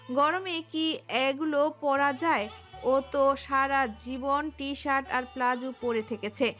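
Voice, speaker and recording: A woman narrating a romantic audio story in an expressive storytelling manner. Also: high voice.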